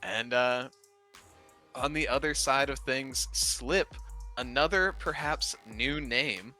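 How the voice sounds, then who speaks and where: A man doing enthusiastic play-by-play for a fighting game tournament, with loud bursts of hype. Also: medium pitch, slow pace, soft background music. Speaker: tournament commentator. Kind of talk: esports commentary.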